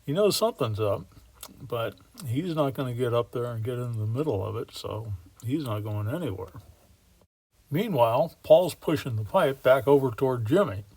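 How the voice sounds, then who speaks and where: A man narrating a story in a folksy, wry tone, dropping casual slang as he goes. His pitch sits in a middle range. The recording is dry and close, with no room sound. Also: lively intonation, normal speed, a little mellow, dry recording. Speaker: storyteller and model railroad builder.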